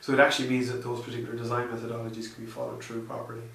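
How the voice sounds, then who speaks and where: A man, a software researcher, answers interview questions hesitantly and conversationally, with many fillers and restarts. His medium-pitched voice is monotone, rapid-fire, creaky and a bit bright, recorded in an echoey room on a distant mic with faint noise.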